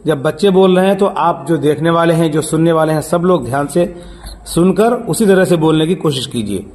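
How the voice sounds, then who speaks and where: A man with a somewhat high voice teaches children how to pronounce letters for Quran reading. He drills patiently and repeats himself, often stopping to quiz the pupils with quick questions. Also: darkish tone.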